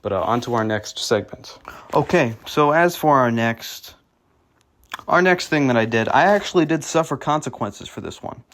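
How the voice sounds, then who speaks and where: A man's voice: mid-range voice, expressive, moderate pace, fairly bright tone. A young man with a nasal voice, casually telling self-mocking stories from his childhood, with plenty of restarts and fillers. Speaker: vlogger. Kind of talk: casual storytelling rant.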